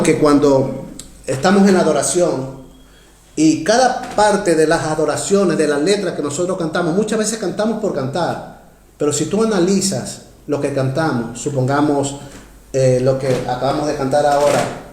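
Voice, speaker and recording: A man preaching a sermon as pastor, urgent and heartfelt, surging loud then dropping to quiet asides as he keeps calling out to his brothers and sisters. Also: normal speed, reverberant. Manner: impassioned, swings from loud rises to low quiet asides, keeps addressing "hermanos".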